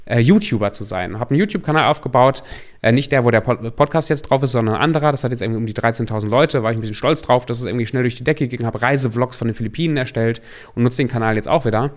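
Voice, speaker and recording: A man's voice: medium pitch, very fast. A man from Germany, a coach hosting a podcast, talking earnestly and reflectively to the listener in a personal monologue.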